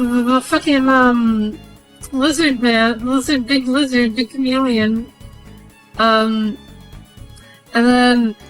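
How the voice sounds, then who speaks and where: A woman's voice: sits high, low-quality recording. A young woman streamer casually recapping a game, rambling and swearing with many fillers.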